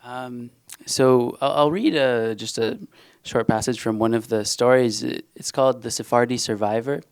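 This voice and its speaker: On a panel featuring discussion and readings, a young Israeli author whose first language is Hebrew speaks with a medium-pitched voice at normal speed. The tone is clean with no echo, though he hesitates, often using fillers and starting over.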